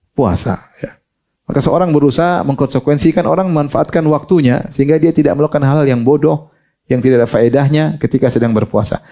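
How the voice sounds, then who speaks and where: A man preaching at a religious study session, lively, often asking rhetorical questions and answering them himself. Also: on the high side. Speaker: Islamic preacher.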